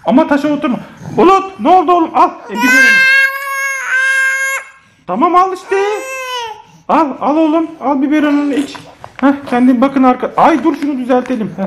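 A man's voice: extremely high pitch, expressive, a little fast, pauses often, background noise. A man talking to viewers in a casual family vlog, playful and often laughing. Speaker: family vlogger.

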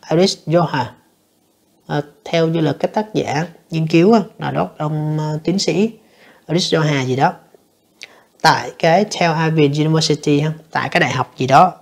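Low, gravelly woman teacher. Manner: explains each answer step by step, reading English lines slowly. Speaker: English teacher. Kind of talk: exam review lesson.

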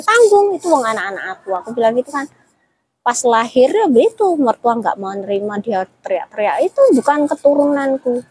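A woman's voice: on the high side, breathy edge, low-quality recording. A woman, talking casually as an interview guest and retelling her story with quoted dialogue and many restarts. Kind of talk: casual chat.

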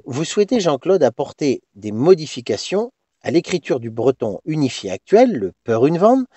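A male interviewer with a mellow, somewhat high voice that moves up and down as he talks. He asks long, formal questions in a measured way. The sound is dry and close, with no room echo. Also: sing-song, husky.

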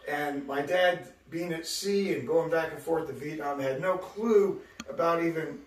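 A man's voice: fairly high pitch, a little slow. A man in his sixties, an artist showing his studio, telling stories in a rambling way full of fillers. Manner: rambling storyteller, many fillers. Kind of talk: casual guided tour. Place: indoor art studio. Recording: echoey room, distant mic, faint hiss.

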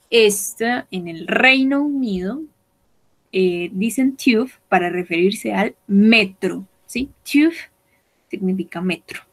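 Slow, careful woman teaching English. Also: medium pitch, rough recording. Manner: slow, careful, switching between English and Spanish. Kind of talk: online bilingual lesson.

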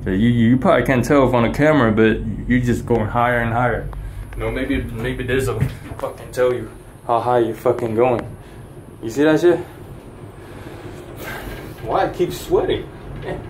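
Vlogging on a handheld phone from an outdoor gondola cable car far above the mountains, an anxious man talks himself through his fear of heights, cursing frequently and at times sinking to a whisper. He has a medium-pitched voice with a roomy sound. The casual commentary is recorded over whistling wind and the hum of the cable car.

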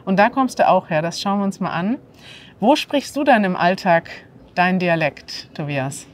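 A woman in her thirties from northern Germany hosts a language lesson in standard German, speaking clearly and animatedly as she prompts her guest to repeat words. Her voice is on the low side and her pace moderate. She's recorded outdoors in a courtyard by an ivy-covered wall, with slight background noise.

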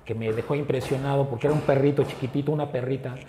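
A man with a Mexican Spanish accent talks earnestly in an interview, leaning on filler words as he gathers his thoughts. His voice is warm and mellow. The room adds a clear echo, with faint ambient noise behind him. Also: medium pitch, steady tone, rapid-fire. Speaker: animal rescue group founder. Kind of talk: casual interview talk.

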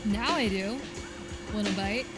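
A woman's voice: mid-range voice, unhurried, over loud music, lightly acted. A woman playing a brash, sarcastic young detective in a comedic short film. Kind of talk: comedic student film acting.

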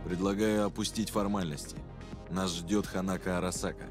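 An actor playing a hard-bitten, dry and curt mercenary in a Russian video game dub. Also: male voice, low voice, fairly even intonation, moderate pace, lightly acted. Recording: music behind.

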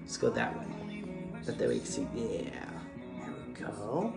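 A man in his thirties with an American accent, a father and children's book author, reads a bedtime story aloud and chats casually with viewers, sounding gentle and encouraging as though speaking to a child. His mid-range voice swings widely in pitch, moves at a measured pace, and has vocal fry. He records in an echoey living room with music behind him, using a camera or phone propped just beyond arm's length.

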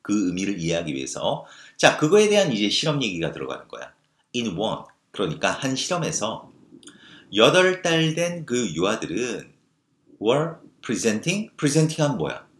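A man with a fairly low voice teaches an exam-prep English class, his pitch swinging widely as he explains each line. He keeps asking questions and answering them himself, and acts out example phrases with broad intonation. The sound is roomy and echoey. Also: wildly swooping pitch, measured pace. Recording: echoey room.

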